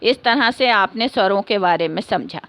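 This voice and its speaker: A woman's voice: medium pitch, moderate pace, background noise. A woman, a teacher explaining a lesson patiently, repeating key points and answering her own questions. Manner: ends points with a checking "okay". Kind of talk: classroom lesson.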